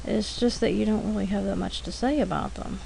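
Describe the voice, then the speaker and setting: An artist gives casual, rambling commentary on her own drawing demo, thinking aloud in a chatty, self-deprecating way. Her mid-range voice is brisk and gravelly, and the low-quality recording carries steady background noise.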